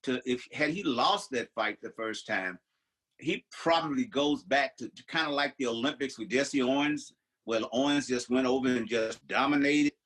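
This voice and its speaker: A man's voice: medium pitch, normal speed, a bit bright, slightly rough, poor audio. An older man co-hosting a podcast in casual chat, telling stories and restarting his sentences often. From United States. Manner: rambling storyteller, many restarts. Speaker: podcast co-host.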